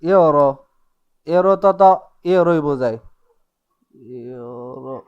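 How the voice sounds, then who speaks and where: Man teaching a class in a slightly high voice. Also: smooth, dull audio. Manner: explains slowly with many checks like "ঠিক আছে?" and "নাকি?". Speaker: Italian language teacher. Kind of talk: live online class taught in Bengali.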